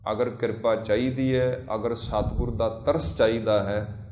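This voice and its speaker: A man giving a Sikh sermon, slowly chanting scripture lines between plain explanations and repeating phrases in lists. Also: medium pitch, level tone, darkish tone, roomy sound, a little hiss or hum. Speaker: Sikh preacher.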